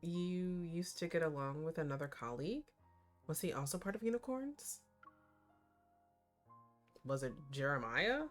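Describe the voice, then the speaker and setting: An expressive, playful woman doing casual, slangy reaction commentary and reading game text aloud. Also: low-pitched, measured pace, pauses often, soft background music. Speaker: reaction host.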